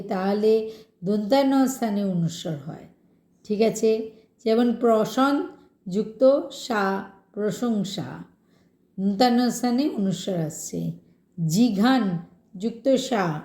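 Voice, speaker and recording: A woman's voice: mid-range voice, dark tone, reverberant. A woman teacher giving a grammar lesson, patiently asking her students questions and working through examples.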